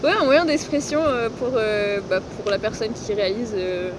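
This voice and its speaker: A nineteen-year-old Italian design student chats casually as a podcast guest outdoors in a city on a hot day, laughing often and peppering her speech with "genre". Her fairly high voice is animated at a moderate pace, against a noisy background.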